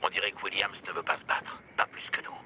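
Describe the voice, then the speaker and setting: An actor playing a gruff, weary, protective older resistance ally in a French video game dub, with a low gravelly voice. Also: male voice, level tone, quick pace, heavy background noise. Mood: grave, wary.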